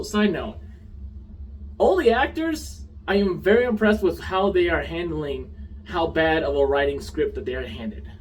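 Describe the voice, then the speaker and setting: A young man giving a casual, sarcastic TV show review, now and then getting loud. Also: on the high side, far from the mic, a little hiss or hum, poor audio. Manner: animated, sarcastic, gets loud.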